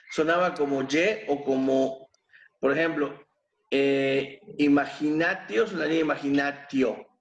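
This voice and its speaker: A man's voice: a little high, fairly bright tone, echoey room. A man teaching a class, patiently spelling out sounds one at a time and quizzing his students. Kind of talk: explaining pronunciation to a class.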